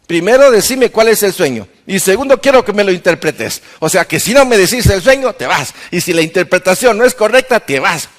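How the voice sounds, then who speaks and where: A man's voice: high-pitched, big pitch swings, a little fast, hardly any pauses. A man playing an angry, impatient ancient king who scolds and threatens his advisers, in a sermon. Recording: reverberant church hall.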